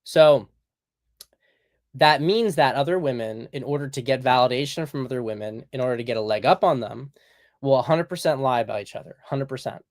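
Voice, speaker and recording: A man's voice: medium pitch, a little fast. A man, hosting a podcast in a blunt, emphatic monologue that often repeats his points. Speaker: podcast host. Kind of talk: opinionated monologue.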